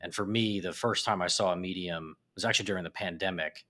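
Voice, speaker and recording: A man with a deep voice and a bright, forceful edge talks as a guest on a podcast. He sounds lively and enthusiastic in casual conversation, with animated asides. His tone stays bright throughout. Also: quick pace.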